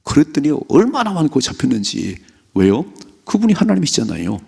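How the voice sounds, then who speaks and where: A middle-aged male pastor preaching at a dawn prayer service, telling Bible stories with lively acted-out lines. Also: a little high, brisk, creaky, breathy edge. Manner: animated storytelling, acting out characters' lines. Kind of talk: early-morning prayer sermon.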